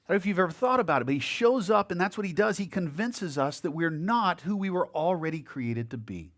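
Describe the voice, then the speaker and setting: A man preaches a sermon to his congregation on a church mic, in a conversational, lively way. His voice sits a little higher than most men's. He keeps breaking off to talk directly with the people in the pews. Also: brisk. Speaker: pastor. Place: church sanctuary. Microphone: handheld or headset mic.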